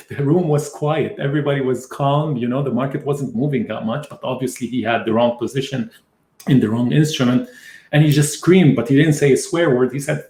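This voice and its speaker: Middle-aged male market analyst hosting a webinar; chatty storyteller, medium pitch, recorded in a reverberant room. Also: darkish tone. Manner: storytelling, explains with anecdotes. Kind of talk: conversational webinar teaching. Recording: roomy echo.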